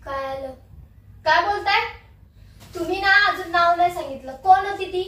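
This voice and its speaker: A woman's voice: very high-pitched, moderate pace, fairly bright tone. A woman in a heated domestic argument, scolding and accusing her husband, recorded in an echoey room from a distance. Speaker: wife in a prank video.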